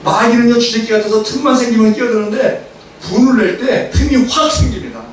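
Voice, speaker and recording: Middle-aged male preacher, high voice, lively storyteller who bursts into shouts, recorded far off in a reverberant hall. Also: fairly quick. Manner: animated storytelling, acts out quarrels with sudden shouts. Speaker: seminary professor preaching. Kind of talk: sermon with acted anecdotes. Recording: echoey hall, far from the mic, faint noise.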